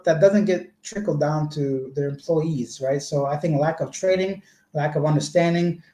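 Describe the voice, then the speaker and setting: A Canadian vlogger with a fairly high, mellow voice chats casually on a livestream, answering viewer comments with long, rambling explanations. He's in a room at home, and the recording sounds echoey.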